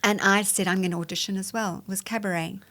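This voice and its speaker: A woman from Zimbabwe, a fitness coach, telling her story as a podcast guest in an animated voice, stacking up repeated phrases. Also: medium pitch, fast talker. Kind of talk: conversational interview.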